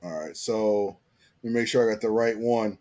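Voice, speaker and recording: A man's voice: lowish voice, normal speed, darkish tone. An American man hosting a casual live chat, slangy and fond of repeating phrases for emphasis. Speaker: live stream host.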